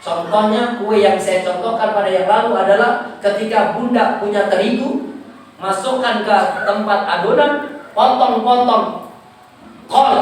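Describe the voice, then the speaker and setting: A male Islamic preacher giving a lively storytelling sermon in a mosque, acting out everyday scenes. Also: high voice. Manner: lively, acts out stories and voices. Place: mosque hall. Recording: echoey distant hall mic with faint noise.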